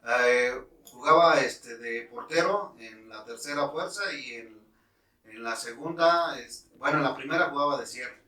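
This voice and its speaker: A man in his fifties from Mexico, a guest telling in a relaxed way, with many fillers, how he became a referee. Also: medium pitch, unhurried, reverberant, distant mic, low-quality recording. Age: 50s. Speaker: guest, former futsal referee. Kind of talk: casual interview storytelling.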